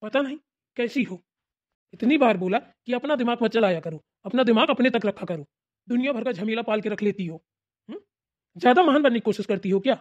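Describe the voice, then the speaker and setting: A woman's voice: a little high, animated, fairly quick, a little mellow. A woman voicing a stern adult man, an elder brother and husband, who lectures and nags, in a cartoon. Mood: scolding. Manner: lecturing, nagging with repeated "hmm?". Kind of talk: cartoon voice acting. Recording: dull lo-fi recording.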